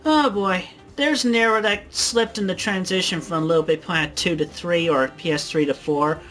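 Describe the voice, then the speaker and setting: A woman's voice: on the low side, moderate pace, fairly bright tone. Woman host, casual commentary, offhand asides, faint music under her. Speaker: channel host giving commentary. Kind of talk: casual live-play commentary.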